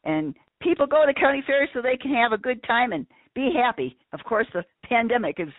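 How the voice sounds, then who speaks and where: A woman's voice: a little high, animated, a little fast, no room sound. Upbeat woman advising over the phone. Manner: upbeat, advising, laughs easily. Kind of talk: casual phone conversation. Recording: dry tinny phone line.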